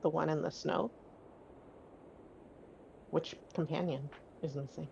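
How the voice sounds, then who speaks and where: A man's voice: fairly high pitch, steady tone, takes it slowly, creaky, a little mellow. A man chatting casually as a tabletop game player, on a dull, noisy recording. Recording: dull lo-fi mic, background noise.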